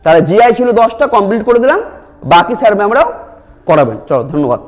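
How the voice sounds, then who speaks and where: A man's voice: sits high, big pitch swings, fast. A male teacher, explaining reasoning exam questions and answering his own questions. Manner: asks questions, then answers them himself.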